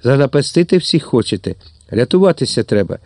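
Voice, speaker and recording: A man's voice: medium pitch, sing-song, brisk, mellow, no echo. A man reading the lines of an older woman who takes command in fear, urgent and commanding. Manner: urgent commanding whispers and orders.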